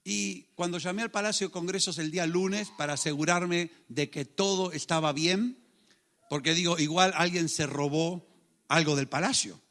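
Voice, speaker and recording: A fairly high-voiced man, preaching to his church as its pastor. He leads fervent prayer, repeating lines over and over and swinging from hushed to loud. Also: steady tone, normal speed. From Spain. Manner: fervent, repetitive prayer lines, rises and falls between soft and loud. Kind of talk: sermon leading into prayer.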